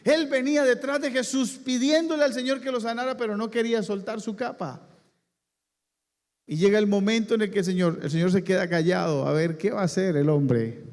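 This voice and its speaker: Male pastor, high-pitched voice, emphatic sermon addressing the congregation, long church reverb. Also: a little mellow. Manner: emphatic preaching that keeps calling out to the congregation; asks the congregation questions.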